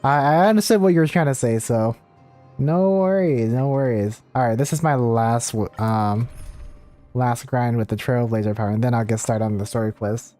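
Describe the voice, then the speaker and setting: This livestreamer has a dark-toned, medium-pitched voice and a moderate pace. He chats casually with viewers and comments on a game in an easygoing, apologetic way, with video game music playing behind him.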